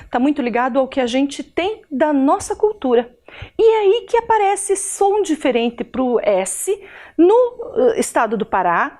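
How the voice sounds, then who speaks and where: A woman's voice: sits high, a little mellow. A woman teacher with a Brazilian Portuguese accent from Curitiba, giving a recorded video lesson to adult learners in a chatty way, often checking in with her listeners.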